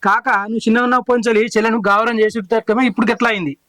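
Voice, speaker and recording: A man's voice: extremely high pitch, fairly even intonation, rapid-fire, bright, forceful tone, no echo, low-quality recording. A man playing a prodding nephew in a village comedy. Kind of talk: scripted village comedy acting.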